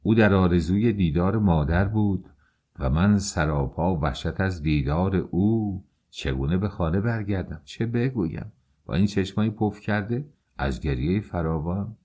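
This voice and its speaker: A man reading an audiobook, narrating in a measured way that slows on sad passages. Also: deep voice, expressive, mellow, slightly rough, muffled recording. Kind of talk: scripted narration.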